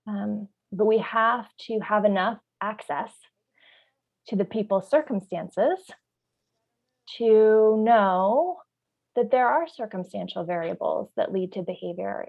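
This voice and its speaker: A woman of middle pitch talks through ideas in a podcast discussion, pausing to search for words before building into a lively story. The recording sounds a little dull and lo-fi. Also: gravelly, husky. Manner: thoughtful, searching for words, vivid when storytelling. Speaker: parent trainer.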